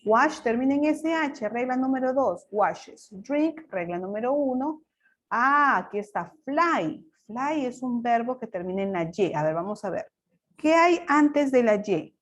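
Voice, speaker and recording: A woman teacher walks through grammar rules in a recorded lesson. She explains patiently, one step at a time, and checks often with "ok?" in a fairly high voice. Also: expressive, unhurried. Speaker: English teacher.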